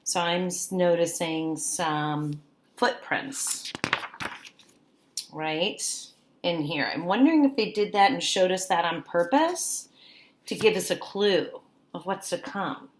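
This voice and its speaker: A woman teacher with a lowish voice reads a picture book aloud to children, expressive and coaxing. She pauses to ask her young listeners questions. There's a little hiss or hum in the recording.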